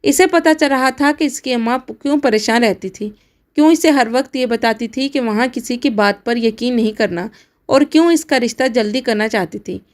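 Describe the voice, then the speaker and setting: A woman narrating a dramatic family story in a steady, scripted reading. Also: a little high.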